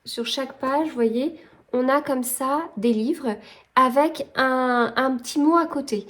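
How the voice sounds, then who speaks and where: A woman's voice: sits high, takes it slowly, fairly bright tone. A woman chatting casually about books as a vlogger, rambling and correcting herself as she goes. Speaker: book vlogger. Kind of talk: casual book chat.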